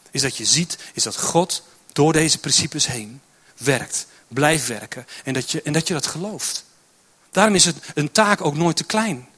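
A man's voice: medium pitch, sharp tone, slightly rough. Emphatic man preaching a sermon. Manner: builds to emphatic, repetitive exhortation. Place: church.

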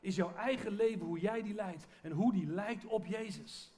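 A man's voice: sits high, normal speed, warm tone. A man preaching a sermon to his church in an earnest, conversational way, often restarting his sentences. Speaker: pastor.

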